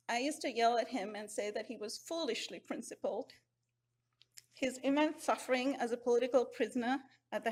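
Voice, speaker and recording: A middle-aged woman from Sri Lanka, giving an earnest, heartfelt memorial eulogy at a measured pace. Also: on the high side.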